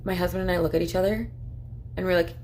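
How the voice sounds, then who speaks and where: A woman's voice: on the low side, fairly even intonation, fast talker, darkish tone, a little hiss or hum. Earnest rambling woman vlogger. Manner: rambling, earnest, lots of filler words. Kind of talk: casual heartfelt talk to camera.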